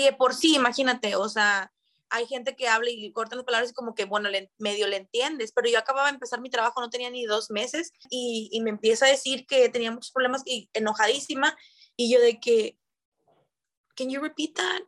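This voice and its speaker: A woman's voice: fairly high pitch, steady tone, brisk, fairly bright tone. A woman co-hosting a casual podcast, chatty and rambling with many fillers. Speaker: podcast co-host.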